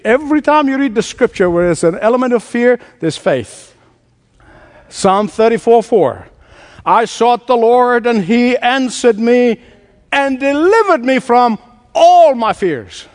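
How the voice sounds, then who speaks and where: A male preacher giving a sermon in an animated way, laughing often and quoting scripture. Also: extremely high pitch, big-room sound.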